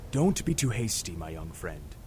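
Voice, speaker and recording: A man playing a calm, high-minded mentor professor in an audio drama, formal, measured and persuasive. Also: a little hiss or hum. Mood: assured.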